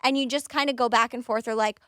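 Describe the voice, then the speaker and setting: Bright, crisp woman in her thirties. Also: fairly even intonation, quick pace, no room sound, clean studio sound. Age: 30s. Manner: chatty, acts out quotes in a higher voice. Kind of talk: casual chat.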